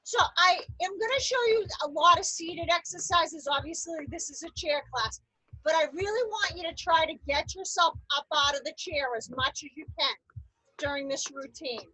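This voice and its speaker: Bright, high-voiced woman aerobics instructor. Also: moderate pace, no echo, rough recording. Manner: aerobics instructor cueing, energetic and encouraging. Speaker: aerobics instructor leading a seated chair workout. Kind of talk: instructional exercise class cueing with counted reps.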